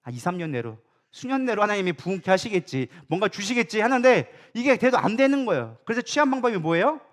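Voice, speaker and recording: A man who is a church co-pastor, preaching a sermon in a lively, colloquial way, firing rhetorical questions at the congregation and mixing in humorous asides. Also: high voice, fast talker. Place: church sanctuary.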